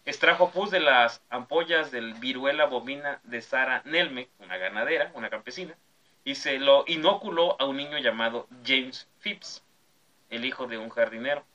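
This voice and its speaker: A man's voice: mid-range voice, animated, moderate pace, pushed and bright, muffled recording. A man, hosting a podcast and reading history notes between jokes with his friends. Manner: reads steadily, breaks into laughs at jokes. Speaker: podcast host.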